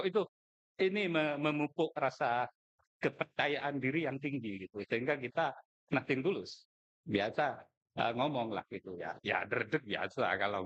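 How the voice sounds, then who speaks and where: A man's voice: mid-range voice, fairly bright tone, muffled recording. A middle-aged man from Madura, giving an informal, joking speech at a contest. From Madura, Indonesia. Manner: chatty, joking, colloquial asides.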